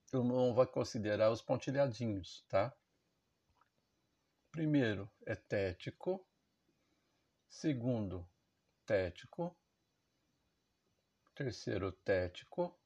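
Male music teacher, mid-pitched, patient explainer who keeps checking in. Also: a little mellow, breathy edge, highs cut off. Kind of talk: instructional music lesson.

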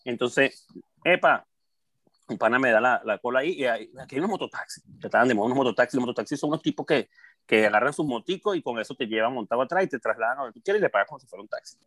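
Man, Venezuelan accent, rapid-fire talk, animated, sound effects, casual podcast banter. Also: mid-range voice, no room sound, clean studio sound. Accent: Venezuelan Spanish. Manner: animated, laughs often, sound-effect noises. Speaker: podcast co-host. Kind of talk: casual storytelling chat.

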